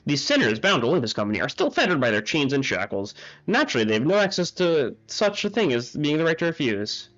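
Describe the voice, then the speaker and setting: A man's voice: on the high side, big pitch swings, fast, fairly bright tone. A man voicing a cold, condescending male researcher who talks in a formal, lecturing way, heard on muffled audio with faint game music.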